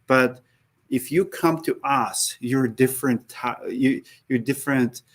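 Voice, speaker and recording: In Minneapolis, a male host with an accent takes viewers' questions live, speaking at a measured pace in a medium-pitched voice. His delivery is casual, with lots of fillers and restarts, and he often leaves out articles.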